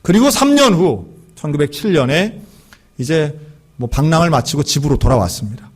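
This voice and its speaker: A man preaches in a storytelling sermon, moving his fairly high voice up and down with a lot of life. His tone has a husky edge. He slips in and out of the voices of the people in his story. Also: moderate pace. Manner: lively storyteller acting out dialogue. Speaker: pastor.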